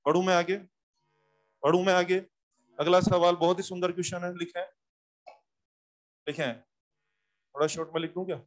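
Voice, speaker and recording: High-voiced chatty male physics teacher. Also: little pitch movement, normal speed, long pauses. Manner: chatty, coaxing, repeats key points and questions students. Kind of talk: classroom lecture.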